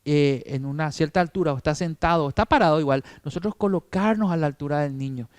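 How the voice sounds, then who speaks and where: Argentine man teaching, rather high voice. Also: fast, no echo. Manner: explanatory, repeats with rhetorical questions. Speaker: teacher trainer at a church. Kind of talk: training talk for Sunday school teachers.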